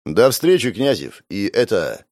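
A man's voice: fairly low pitch, big pitch swings, unhurried, darkish tone, no room sound, clean studio sound. A man reading an audiobook, voicing a wary, cryptic man who gives terse warnings. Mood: guarded.

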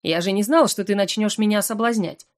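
A woman's voice: mid-range voice, fairly quick, close to an everyday voice. Seductive male incubus professor, purring and teasing, for an audiobook; a woman reads him.

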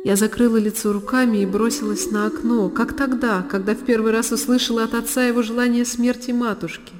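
A woman reading a classic novel aloud as audiobook narration, in a measured, emotive way. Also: fairly high pitch, steady tone. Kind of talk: scripted literary narration. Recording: long reverb, faint violin music behind.

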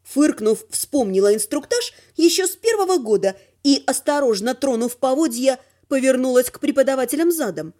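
High-voiced woman reading a fantasy audiobook. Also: expressive, moderate pace, few pauses, dark tone. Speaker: audiobook narrator. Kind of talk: first-person audiobook narration.

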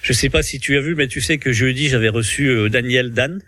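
A man's voice: mid-range voice, brisk, bright, forceful tone, dry recording. A man hosting a radio interview, talking hesitantly with many restarts and frequent laughter. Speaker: radio host.

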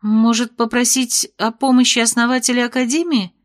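A woman's voice: on the high side, fairly even intonation, normal speed, close to an everyday voice. A woman voicing an anxious, grumbling young female student, in an audiobook reading.

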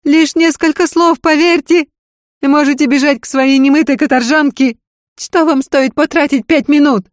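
Man doing a shrill hysterical Polish lady. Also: brisk, dry recording, clean studio sound. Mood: pleading shrill. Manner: shrieking, frantic, capricious. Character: shrill hysterical Polish noblewoman, young wife.

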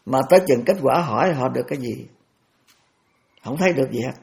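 A man's voice: medium pitch, expressive, a little fast, vocal fry, a little mellow. A man in his eighties, a Buddhist monk giving a dharma talk, repeating phrases and restarting often with homely examples. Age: 80s.

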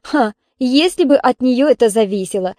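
A woman doing a calm reasonable old neighbor man. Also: a little high, moderate pace, dry recording, studio quality, voice pushed up, natural voice. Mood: reasoning. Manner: explanatory, placating. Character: older male neighbor, reasonable, conciliatory.

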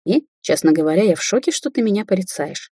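A woman's voice: mid-range voice, animated, quick pace, dark tone, slightly rough, no room sound, studio quality. A woman reading an audiobook, voicing a young sorceress who speaks to her mother sarcastically and tauntingly. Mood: mocking. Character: young adult woman sorceress, mocking daughter.

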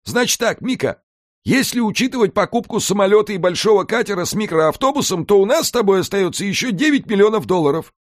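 A man voicing an excitable, scheming male house brownie in an audiobook, brash and wheedling. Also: high-pitched, no room sound, clean studio sound, pitched above the performer's own voice. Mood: eager. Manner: fast-talking, brash, wheedling. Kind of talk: audiobook character voice.

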